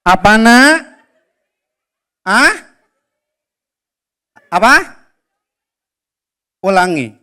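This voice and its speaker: A playful male storyteller addresses a crowd of children at a school event. He speaks slowly, with a bright, forceful tone and a high voice for a man. He teases the kids with question after question. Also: animated, clear, resonant tone.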